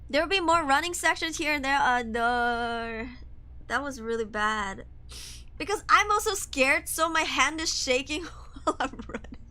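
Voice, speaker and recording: A woman's voice: sits high, measured pace, bright, forceful tone. A young woman streaming a horror game, chatty and jumpy, sniffly with a cold. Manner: chatty, jumpy, swearing and laughing. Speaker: VTuber streamer.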